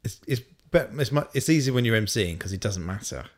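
A man, a comedian hosting a podcast, asking questions and telling stories in an animated, chatty way. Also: on the low side, fast. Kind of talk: casual podcast chat.

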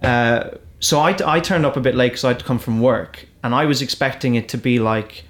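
Here's a stand-up comedian from Ireland, speaking at a moderate pace in a mid-range voice. He chats casually and wanders through his anecdotes, frequently starting over.

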